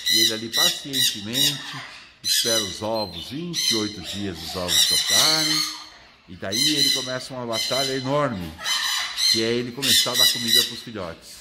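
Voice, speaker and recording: A man talks in a chatty, excitable way, cooing at his animals as he goes. His pitch swings wildly, leaping up and dropping back down. A heavy noise bed sits under the voice, with birds squawking in the background. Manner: excited, chatty, coos at the bird. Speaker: parrot breeder. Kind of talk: casual vlog narration.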